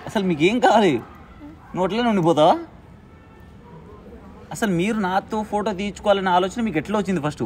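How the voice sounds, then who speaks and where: High-voiced man teasing a child. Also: brisk, pauses often, over music. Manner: mock-stern, firing repeated questions; coaxing, repeating soothing phrases. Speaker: vlogger playing with a small child. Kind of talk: casual teasing talk with a child.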